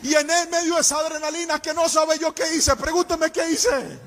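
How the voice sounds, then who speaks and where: A man delivers a fervent sermon in a high, lilting voice that rises and falls like a song. He tells his story and calls out directly to his listeners. A faint hiss of noise sits under him. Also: fairly even intonation, moderate pace, fairly bright tone. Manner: impassioned sing-song preaching with storytelling. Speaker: pastor.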